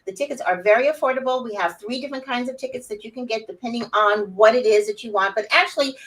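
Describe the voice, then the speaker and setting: A woman in her sixties, outspoken and animated, chatting as an interview guest. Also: on the high side, quick pace, far from the mic, poor audio. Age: 60s. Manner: animated, outspoken, laughs often. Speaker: guest, wellness summit organizer. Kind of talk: casual interview chat.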